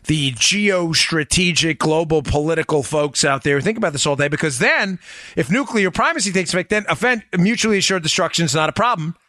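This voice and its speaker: A man's voice: on the high side, lively intonation, fairly quick, pushed and bright, dry recording. Emphatic male talk show host, dry sound. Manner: emphatic, talks straight to listeners, frequent restarts. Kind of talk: political talk show monologue.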